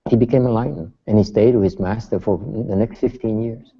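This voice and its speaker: Playful Buddhist teacher in a hall. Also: male voice, lowish voice, moderate pace. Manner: playful, mixes English and Vietnamese, acts out quotes. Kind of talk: dharma talk. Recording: dull audio in a reverberant hall.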